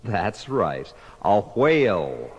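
A man narrating a children's storybook record in an animated storytelling manner. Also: fairly low pitch, very slow, highs cut off, heavy background noise. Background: orchestral music.

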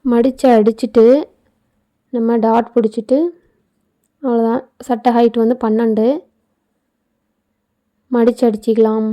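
A woman's voice: fairly high pitch, flat delivery, a little slow, long pauses, mellow. A woman giving a casual, explanatory voice-over for a sewing tutorial, with chatty asides. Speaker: tailoring channel host. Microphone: phone.

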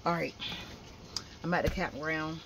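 A woman's voice: low voice, fairly even intonation, a little slow. A middle-aged woman talking casually to her phone at arm's length, in a vlog style. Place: small camper bedroom. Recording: noisy phone recording.

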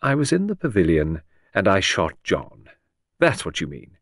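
A man's voice: sits low, huge pitch swings, normal speed, a bit bright, no room sound, studio quality, exaggerated voice. A man voicing a composed young woman under suspicion, cool and lightly mocking, in an audiobook. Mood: defiant. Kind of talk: audiobook character voice.

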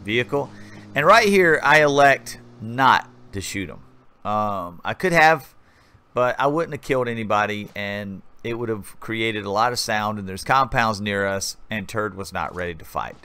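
A man's voice: fairly low pitch, expressive, moderate pace, bright, forceful tone, clear, resonant tone. A man casually talking viewers through his gameplay footage in a rambling, chatty play-by-play. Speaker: gaming channel host. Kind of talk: casual gameplay commentary voice-over.

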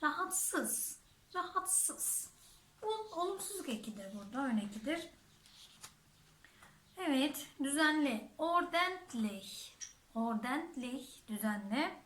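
A woman's voice: high voice, very animated, takes it slowly, long pauses, fairly bright tone, a little hiss or hum. A woman teaching a vocabulary lesson, saying each word twice and then translating it. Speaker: German teacher. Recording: echoey room.

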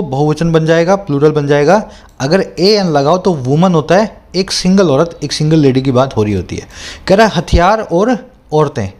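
A young man teaching English for exams, explaining words slowly and repeating each term in two languages. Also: on the high side, a little mellow. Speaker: English tutor. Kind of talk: exam-prep lesson.

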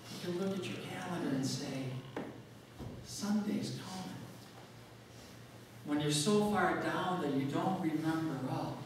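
A male pastor preaching a dramatic sermon, building his story around repeated refrains. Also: sits high. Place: church sanctuary. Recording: very echoey church from a distant mic, faint hiss.

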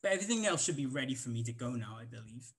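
A man's voice: medium pitch, lively intonation, rapid-fire, low-quality recording. A man with a Welsh accent giving a casual live coding walkthrough at a conference, rambling with many ums and restarts. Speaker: conference instructor.

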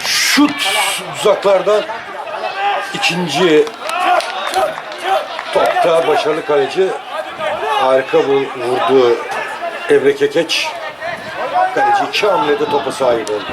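A man's voice: unhurried, long pauses. A man giving live football play-by-play in short, clipped phrases, often repeating himself. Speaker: football match commentator. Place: outdoor amateur football ground. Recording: noisy outdoor pitch, crowd shouting behind. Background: crowd and players shouting, loud outdoor noise.

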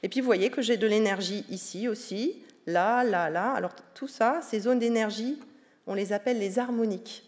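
A woman's voice: medium pitch, normal speed, darkish tone. A woman giving a public science lecture on the voice, explaining patiently with many hesitations. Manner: explanatory, with frequent hesitations and fillers. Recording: reverberant lecture hall.

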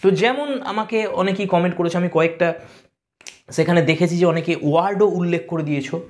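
A man teaching an exam-prep lesson, patiently explaining step by step and sounding out words slowly. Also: high voice, a little mellow.

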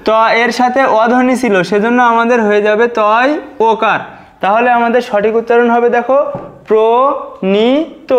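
Man, high voice, patient teacher, breaks words into syllables. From Bangladesh. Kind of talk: spoken exam-prep lesson.

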